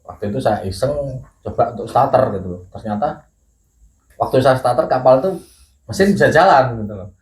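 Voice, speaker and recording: A middle-aged man telling a ghost story in casual chat, measured and unhurried, clearing his throat now and then. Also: medium pitch, lively intonation, a little mellow. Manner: measured storytelling with pauses and occasional coughs. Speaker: guest storyteller. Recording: echoey room with faint noise.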